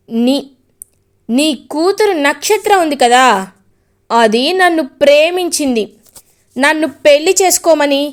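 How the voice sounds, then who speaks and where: A woman doing a cocky, taunting young man. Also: high voice. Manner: taunting, insistent.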